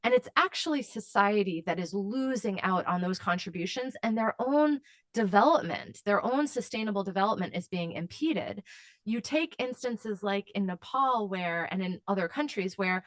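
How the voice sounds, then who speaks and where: Woman interview guest, mid pitch, impassioned and earnest, dry close recording. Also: lively intonation, normal speed, no echo. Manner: impassioned, with frequent fillers and restarts. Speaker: advocacy guest.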